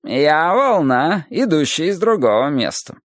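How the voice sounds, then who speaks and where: For an audiobook, a man voices a calm, sorrowful philosopher-teacher in a slow, measured, musing way. His pitch is lively but the read stays dry, and there's no room sound.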